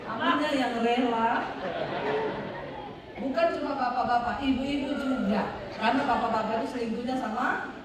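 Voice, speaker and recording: A woman pastor preaching an animated sermon, telling stories and calling out to the congregation. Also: on the high side, moderate pace, pauses often, crowd noise, noisy background. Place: large revival hall. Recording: echoey hall, mic at a distance.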